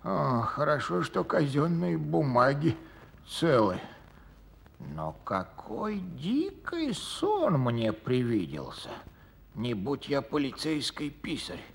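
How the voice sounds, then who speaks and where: Police clerk: grumbling daydreamer, theatrical muttering, highish, very animated, radio fairy-tale style. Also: male voice, takes it slowly, creaky, a little hiss or hum, full character voice. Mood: flustered. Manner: theatrical muttering to himself, exclamatory. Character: grumbling, dreamy police clerk longing to be poet.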